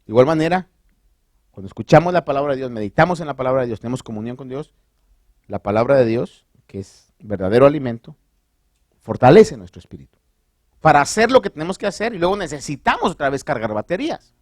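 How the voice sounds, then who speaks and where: A man preaching a sermon as pastor, conversational and animated, asking the congregation rhetorical questions and dropping in English phrases. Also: medium pitch, quick pace, no echo, clean studio sound.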